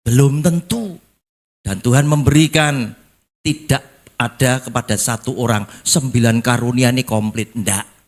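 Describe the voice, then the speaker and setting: An older man with an East Javanese accent preaching a sermon as pastor, swinging from low quiet lines to sudden high emphatic calls, folksy in manner. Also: fairly even intonation, moderate pace. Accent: East Javanese (Surabaya). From East Java, Indonesia. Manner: folksy, slipping into local Javanese phrases.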